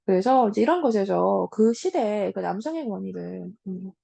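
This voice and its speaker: A woman teacher giving a casual lecture on a classic story, talking straight to her students with many soft hums between points. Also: medium pitch, lively intonation, normal speed, gravelly, no room sound. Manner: casual, talks to students as 얘들아 with frequent hums.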